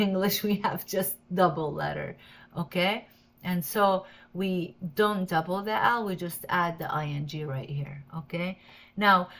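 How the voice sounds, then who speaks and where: Slow, patient woman teaching English. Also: lowish voice. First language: Arabic. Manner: patient, repeats "okay?" after each point. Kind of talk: explaining grammar at a whiteboard.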